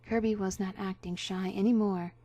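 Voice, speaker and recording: A woman reads a story aloud as narrator, with theatrical, hammy emphasis. Her voice is soft-edged and mellow, with a husky breathiness at a middling pitch. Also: steady tone, moderate pace. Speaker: narrator, reader. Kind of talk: dramatic reading of a story.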